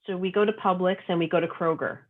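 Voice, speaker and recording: A fast-talking woman from Long Island, New York, with a lowish voice and fairly even intonation. She's a guest author chatting casually in an interview, rambling and using lots of fillers. The audio is tinny, like a phone call.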